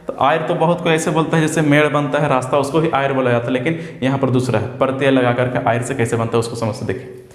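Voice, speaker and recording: A man's voice: mid-range voice, fairly even intonation. A young man, teaching an exam-prep lesson in a casual style and answering his own questions. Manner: asks questions and answers them himself, drawn-out example words. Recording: echoey room with long reverb.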